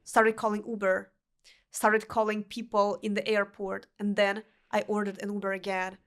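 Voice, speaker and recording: A young woman from Uzbekistan, a non-native English speaker with a Russian accent, appears as a guest in a casual podcast interview. She talks earnestly, with halting phrasing and restarts, in a level, medium-pitched voice.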